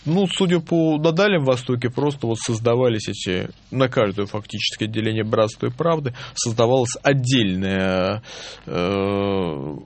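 A man speaking as a historian guest on a radio interview, halting and full of fillers. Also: mid-range voice, slight background noise.

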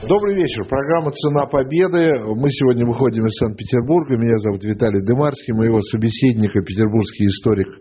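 Husky-voiced male radio host. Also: medium pitch, fast, hardly any pauses. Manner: leisurely, searching for words, interjects. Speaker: radio talk show host. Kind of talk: conversational radio interview. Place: radio studio. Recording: dull lo-fi radio broadcast.

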